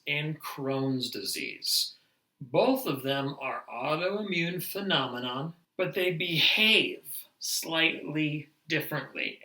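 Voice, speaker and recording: A man teaching nurses in a lively, emphatic lecture, now and then laughing at himself. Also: on the high side, echoey room, poor audio. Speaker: nurse educator. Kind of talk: medical lecture.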